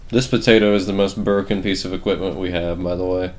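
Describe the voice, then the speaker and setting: Man, tabletop player, low voice, playful, profane. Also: fairly even intonation, fast, darkish tone. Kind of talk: casual tabletop play.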